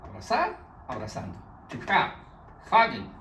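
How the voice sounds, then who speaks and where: A man's voice: a little high, expressive, unhurried, gravelly, recorded from a distance, a little hiss or hum. A man teaching an English grammar lesson, explaining rules patiently and repeating them, stressing each English word. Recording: echoey room, voice off-mic.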